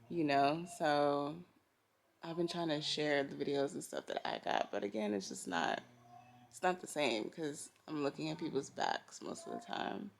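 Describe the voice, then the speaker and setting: A costume designer talks candidly and informally in a casual personal vlog recorded indoors at home. Her voice is low and creaky, with a little hiss or hum on the recording.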